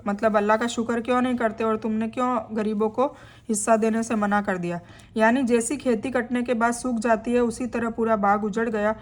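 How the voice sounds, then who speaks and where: Woman, fairly high voice, steady teaching read of a scripture translation with plain-spoken explanation. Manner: reads a passage, then explains it in plain conversational words; adds friendly check-ins to the listener. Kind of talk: reading a scripture translation with commentary.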